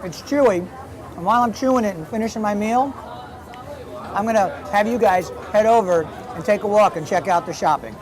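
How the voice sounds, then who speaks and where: High-voiced man at a crowded night market. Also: a little fast. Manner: easygoing, chatty, trying street food. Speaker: travel show host. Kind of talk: casual on-location food commentary. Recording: noisy crowd outdoors. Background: busy crowd chatter.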